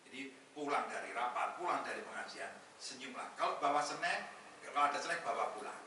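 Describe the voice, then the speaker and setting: A man with a medium-pitched voice speaks fairly quickly, picked up by a distant mic in an echoey hall with faint noise. As guest speaker and head of a national Muhammadiyah institute, he gives a humorous, lively religious talk, joking with the audience and mixing Arabic verses into his banter.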